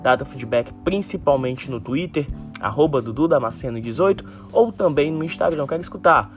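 Guy w a lisp, slushy s, northeastern brazilian ceará accent, mid pitched, casual football podcast host, music under it. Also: animated, normal speed. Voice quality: tongue-tied lisp, slushy s sounds. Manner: informal, addresses listeners directly, frequent tag questions. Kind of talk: casual solo football news commentary.

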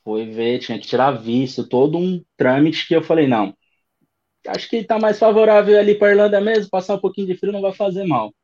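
Man in his thirties, São Paulo accent, fairly high voice, easygoing storyteller, muffled lo-fi sound. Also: fairly quick. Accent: São Paulo Brazilian Portuguese. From Brazil. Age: 30s. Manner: relaxed storytelling with many fillers. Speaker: guest. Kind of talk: casual interview chat.

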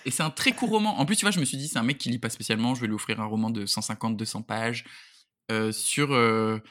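A man's voice: mid-range voice, quick pace, fairly bright tone. A man in a casual podcast chat, speaking informally with slang and a joking way. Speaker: podcast guest, book YouTuber.

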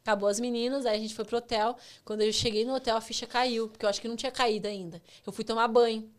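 Animated Brazilian woman telling stories. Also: on the high side, quick pace. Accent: Brazilian Portuguese. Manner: animated, laughs often, acts out dialogue. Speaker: podcast guest, former tennis player. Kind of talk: casual storytelling chat.

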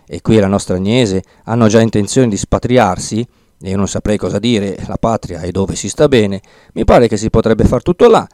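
A man's voice: fairly low pitch, dry recording, clean studio sound. A man voicing a fretful old village priest. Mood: cautious, evasive. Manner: fretful, rambling, excitable. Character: timid fussy old male village priest. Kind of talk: audiobook character reading.

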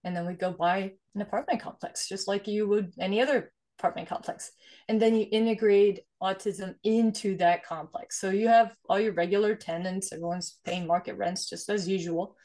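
A woman's voice: medium pitch, steady tone, moderate pace, warm tone. A woman in her forties from Sweden, a guest explaining her work in an earnest, conversational way and often checking in with "right?". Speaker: guest, investor and nonprofit founder. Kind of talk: conversational interview.

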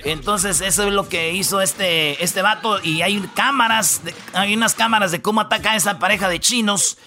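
A Mexican man hosting a radio show, with a very high, bright and piercing voice. He tells stories in a rowdy, joking way, full of slang, and keeps putting on voices. Faint music plays behind him. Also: normal speed. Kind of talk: comedic radio banter.

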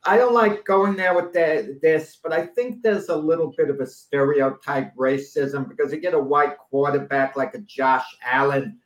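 A man's voice: on the high side, normal speed, few pauses, roomy sound, lo-fi sound. A man co-hosting a casual sports talk show, opinionated and argumentative, pushing his points with rising emphasis.

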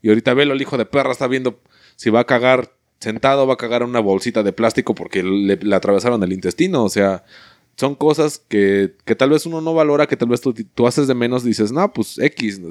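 A young man with a Mexican Spanish accent talks in a casual chat, packing every sentence with street slang and swearing. His voice sits at an ordinary pitch. The sound is close and dry, with no room around it. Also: quick pace, dry recording. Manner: crude slangy storytelling, swears constantly.

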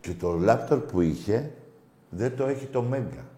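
Call-in host, male, teasing storyteller, mellow low voice, echoey room. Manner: mocking, excitable storyteller who teases callers. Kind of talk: casual joking radio chat.

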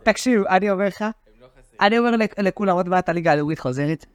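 A man co-hosting a casual sports podcast, animated and teasing, telling stories with big swings in his voice. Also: clear, resonant tone, dry recording. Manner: animated, teasing, tells stories with shifts in pitch. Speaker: podcast co-host.

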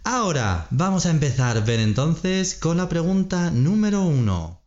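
Brief male quiz host, patient explainer, lively animated pitch. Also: dull audio, background noise. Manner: reads options slowly, explains grammar patiently, laughs often. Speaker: podcast co-host running a quiz. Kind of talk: slow, clear Spanish-lesson quiz chat.

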